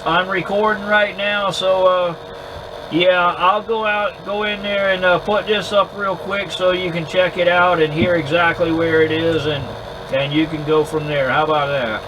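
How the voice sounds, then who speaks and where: A man having a casual two-way radio chat in an easygoing, halting way, often repeating words as he goes. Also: high-pitched, little pitch movement. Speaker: amateur radio operator recording contacts. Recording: clear background hum and noise.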